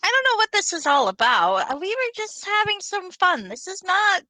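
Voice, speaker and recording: A woman's voice: very high voice, very animated, normal speed, bright, forceful tone, dry recording, heavily acted. A woman voicing a tipsy party guest who whines and protests at being led away. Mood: indignant.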